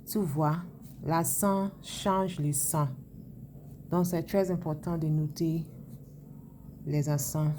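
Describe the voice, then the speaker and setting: A woman teaching a French lesson, spelling out sounds and repeating examples slowly. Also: low-pitched, fairly even intonation, mellow, slight background noise. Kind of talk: language lesson.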